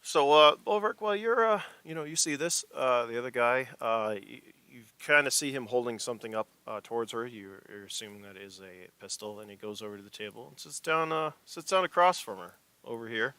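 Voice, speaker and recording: Bright-voiced male game master. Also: medium pitch, lively intonation, fairly quick, few pauses, clean tone, dry recording. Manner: rambling, many fillers and restarts. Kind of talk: narrating a tabletop game.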